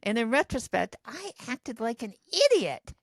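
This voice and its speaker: A woman's voice: on the high side, very animated, normal speed, dry recording. Older woman rambling through an anecdote. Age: 70s. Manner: rambling, self-deprecating storyteller. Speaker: podcast co-host telling diary stories. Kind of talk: casual storytelling chat.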